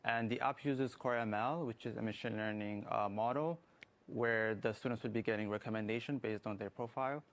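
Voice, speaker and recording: A young man from Ethiopia answering questions as a guest in a TV interview. His voice sits low and carries a gravelly rasp. He talks in halting bursts, stopping often on "uh" and "like". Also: fairly even intonation. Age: young adult. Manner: halting, many fillers like "uh" and "like". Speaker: guest, student app developer. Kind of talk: morning TV interview.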